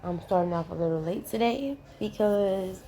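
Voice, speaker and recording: A woman hosting her own channel, chatting casually and sleepily to her viewers in a relaxed, rambling, affectionate way. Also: mid-range voice, normal speed, background noise. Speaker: channel host. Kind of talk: casual morning chat to viewers.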